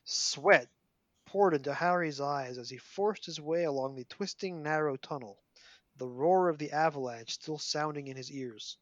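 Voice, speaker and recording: This podcast host's voice sits on the high side and moves at a moderate pace; the recording is dry and the highs are cut off. He has a scratchy voice and a Brooklyn accent, reading aloud from a book during a chat like an animated, mock-dramatic storyteller.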